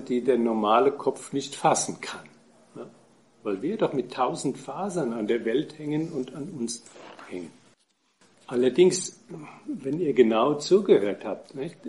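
A man lecturing on Buddhist teaching, patient and conversational. He turns to his listeners and reasons things through aloud. He slows down to recite the old texts. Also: mid-range voice, darkish tone. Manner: explains patiently, recites scripture slowly, asks listeners directly; conversational with fillers and restarts. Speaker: Buddhist teacher giving a talk.

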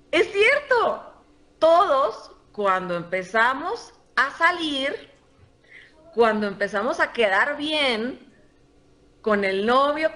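High-voiced chatty woman. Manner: lively, chatty, laughs often, addresses the audience directly. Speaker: workshop presenter. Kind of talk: live seminar talk to a group.

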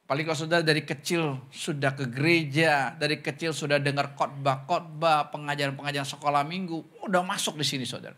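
A man's voice: fast talker, few pauses. A man preaching a sermon as pastor, talking straight to the congregation and acting out questions in other voices. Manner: animated preaching, often calls the congregation "saudara"; acts out questioners' voices in higher pitch.

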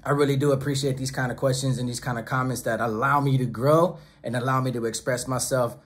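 Seated at a desk close to the camera in a small home studio full of monitors and speakers, a middle-aged man talks straight to his channel's viewers. He speaks quickly at medium pitch with fairly even intonation and a breathy edge, preaching emphatically and piling phrases into lists.

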